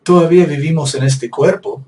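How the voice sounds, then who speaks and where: A man's voice: fairly high pitch, moderate pace, darkish tone, distant mic, slight background noise. A male preacher giving a sermon, emphatic and repetitive, with rhetorical questions.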